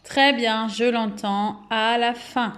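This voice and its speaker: A woman with a French accent giving a phonics lesson to young children at home, speaking patiently and clearly and drawing out each word's syllables. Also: fairly high pitch, flat delivery, fairly bright tone. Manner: slow, clear, patient, syllables drawn out and repeated. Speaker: kindergarten teacher.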